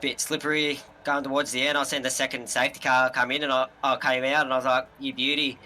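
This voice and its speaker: A man with an Australian accent and a bright, forward voice. He chats casually in an interview like a blokey tradesman, full of easygoing slang. His pitch sits in the middle for a man. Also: little pitch movement, fast. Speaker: winning sim racing driver being interviewed. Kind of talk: casual post-race interview.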